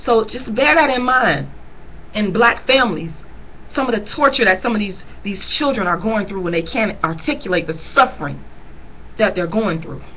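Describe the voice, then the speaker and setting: A woman reads a novel aloud one chapter at a time, pausing earnestly now and then to highlight important lines for her listeners. Her medium-pitched voice has lively intonation, though the recording is muffled with slight background noise.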